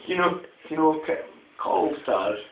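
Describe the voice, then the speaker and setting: A man's voice: a little high, animated, moderate pace. A drunk man in his twenties with slurred speech, rambling casually and calling out repetitively. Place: indoor room, lying on the carpet. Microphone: someone else's phone camera nearby. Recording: echoey, tinny, noisy phone video.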